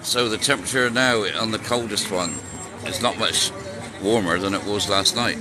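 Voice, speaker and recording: Crowd noise mixes with traffic and street sounds as a man in his sixties vlogs live from city streets on his ride. He speaks at a moderate pace in a steady, lowish voice, chatting casually, joking, and responding to viewers' questions in this noisy outdoor recording.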